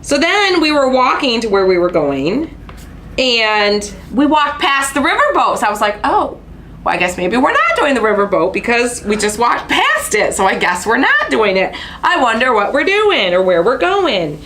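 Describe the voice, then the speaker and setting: Against a noisy background, a craft channel host talks casually on her live stream in a fairly high voice at an ordinary pace. She sounds nasal and blocked up from allergies, and her chatty stories are full of fillers and animated asides.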